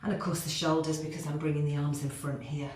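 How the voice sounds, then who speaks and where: A woman with a low voice talks a class through a workout while doing the moves herself, and she gets a bit short of breath. The room rings with heavy echo under a faint hiss. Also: level tone, quick pace, a little mellow. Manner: cueing moves while exercising, encouraging. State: getting out of breath. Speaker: fitness instructor. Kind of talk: workout instruction. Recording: very echoey room, faint noise.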